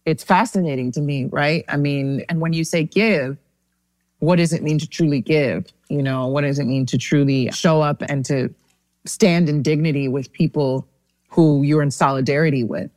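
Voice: medium pitch, fairly even intonation, moderate pace, a little mellow, no echo. A podcast host asking reflective, searching questions in a conversational interview.

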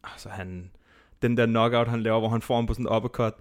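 A man hosts a casual podcast chat. He tells stories in a rambling way, with lots of restarts, and gets animated as he goes. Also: medium pitch, smooth. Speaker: podcast host. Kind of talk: casual chat about fighting.

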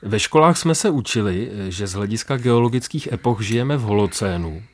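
A man with a fairly low voice conducts a radio interview. He asks formal, carefully composed questions in an even, polite manner.

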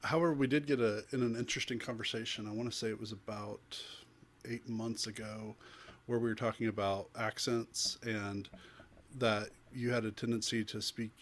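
A man's voice: on the low side, level tone, moderate pace, a little hiss or hum. A man hosting a casual chat, teasing his guest with jokes. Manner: joking, teasing. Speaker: podcast host.

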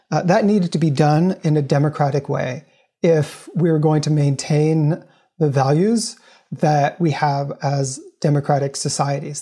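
As an interview guest, a professor from the United States gives earnest, lengthy explanations in response to questions. His voice sits a little high and has a warm tone.

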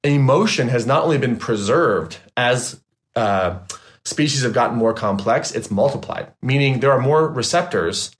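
A man, a trauma therapist and guest, talking in a casual, animated and emphatic way, swearing freely. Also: mid-range voice, moderate pace. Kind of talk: casual interview chat.

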